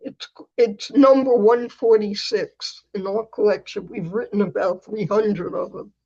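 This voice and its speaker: A woman poet reading her work slowly and chatting on a livestream, laughing between poems. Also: mid-range voice, steady tone, warm tone, slightly rough. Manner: slow, deliberate poem reading with laughter between. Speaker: poet and reading series host. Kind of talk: livestream poetry reading and chat. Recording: dull lo-fi livestream audio.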